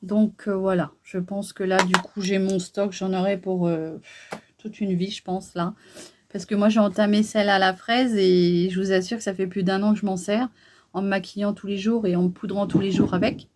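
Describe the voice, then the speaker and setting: A woman's voice: medium pitch, steady tone, normal speed, darkish tone. A middle-aged woman chatting casually through a beauty haul, hesitant and full of fillers. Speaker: beauty vlogger.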